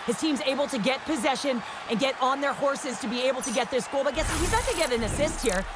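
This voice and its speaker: A man's voice: very high voice, animated, fast. A man doing color commentary on a hockey game, explaining each play emphatically. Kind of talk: analytical sports game commentary. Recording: loud arena crowd noise behind. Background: hockey arena crowd and rink noise.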